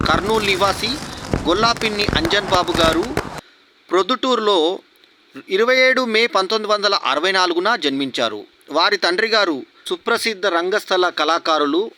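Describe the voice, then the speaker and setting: High, bright-voiced male announcer. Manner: steady formal reading, links points with set connecting words. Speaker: award announcer. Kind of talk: formal tribute narration.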